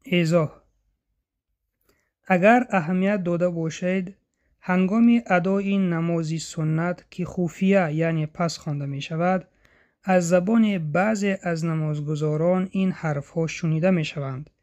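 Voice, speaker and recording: A tajweed teacher, explaining in a measured way and demonstrating letter sounds slowly and drawn out. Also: medium pitch, steady tone, a little mellow. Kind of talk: instructional explanation.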